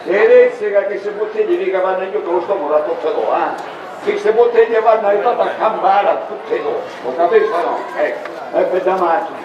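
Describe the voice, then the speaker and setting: An actor playing a grumbling, scheming old village potion-maker with a Sicilian accent in an amateur dialect stage comedy. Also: male voice, high voice, a little fast, muffled recording, close to an everyday voice. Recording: echoey hall from far off, noisy audience.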